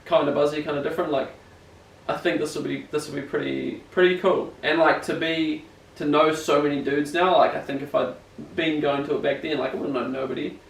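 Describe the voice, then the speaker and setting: Heard through a distant mic in an echoey room with faint background noise, a young New Zealand man with a broad accent is interviewed about BMX riding. His slightly high, creaky voice runs a little fast with fairly even intonation, and his casual chat is rambling, slangy and self-deprecating.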